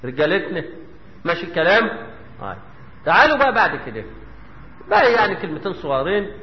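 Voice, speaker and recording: Egyptian man, high voice, Quran recitation teacher quizzing students, dull sound with long hall echo. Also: big pitch swings, fast talker. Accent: Egyptian Arabic. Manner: quizzes the class and answers himself. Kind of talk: tajweed lesson with chanted recitation.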